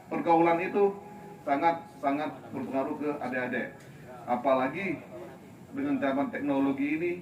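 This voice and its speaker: A man in his forties lecturing youth. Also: on the high side. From Belitung, Indonesia. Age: 40s. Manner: repetitive, explaining, asks the audience questions. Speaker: police officer giving a talk to youth. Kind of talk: speech to a youth group. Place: outdoor sports field gathering. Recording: roomy, distant, noisy outdoor recording.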